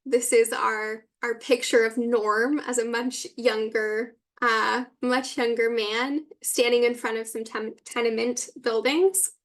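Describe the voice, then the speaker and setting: Flat-voiced woman presenting a webinar. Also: a little high, slow, hardly any pauses. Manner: explanatory, introducing clips. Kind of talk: guided exhibit tour on a webinar.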